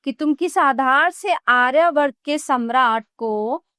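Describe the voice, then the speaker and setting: Give me a woman playing a haughty, indignant young noblewoman with a high voice. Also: slow, pushed and bright, no room sound, studio quality, heavily acted. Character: proud, sharp young noblewoman defending the emperor.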